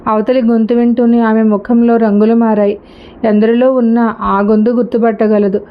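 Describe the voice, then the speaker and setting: A woman narrates a story, reading in a steady, even way. Her voice sits fairly high. The recording is a little dull and lo-fi. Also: normal speed.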